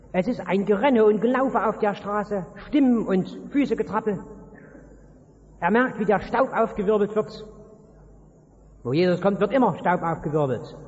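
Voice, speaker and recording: A man preaching an evangelistic sermon, speaking directly to the listener with emphatic storytelling, heard in a dull recording from a large hall. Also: high-pitched.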